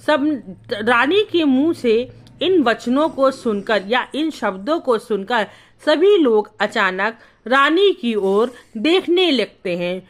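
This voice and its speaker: A woman teacher explaining a Hindi poem, reciting each verse line and then paraphrasing it in plain words. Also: fairly high pitch.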